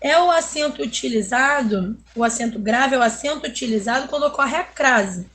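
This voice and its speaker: A woman's voice: high-pitched, animated, moderate pace, a bit bright. A woman teaching a primary school video lesson. She talks patiently, stretches out example words, and keeps checking in with the children. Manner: ends phrases with "tá?" checking in with pupils.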